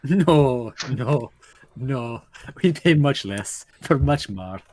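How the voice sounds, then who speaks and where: A man's voice: mid-range voice, lively intonation, drawn-out words, mellow, slight background noise. A man voicing a scheming, defensive dwarf merchant in a tabletop game, pleading and bargaining. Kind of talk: tabletop role-play.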